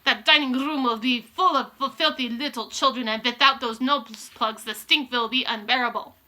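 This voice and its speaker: A woman reading aloud, voicing the Grand High Witch, a commanding female witch leader who screeches her orders. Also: fairly even intonation, moderate pace, pushed and bright.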